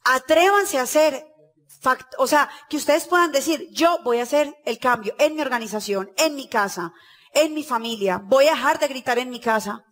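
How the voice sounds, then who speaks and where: A woman's voice: high voice, normal speed. A woman giving a motivational talk to an audience at a business conference, telling stories and acting out the dialogue. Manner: lively storytelling, acting out dialogue.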